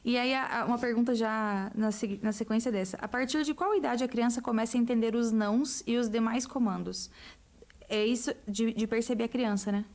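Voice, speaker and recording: A woman's voice: a little high, fairly even intonation, darkish tone. A woman hosting a podcast, reading out listener questions in a casual chat. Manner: brisk, asks listener questions. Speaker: podcast host.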